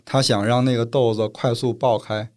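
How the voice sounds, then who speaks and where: A man's voice: mid-range voice, level tone, normal speed. A man from northern China, co-hosting a casual chat and telling stories at length. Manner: storytelling, explains at length. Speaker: podcast co-host.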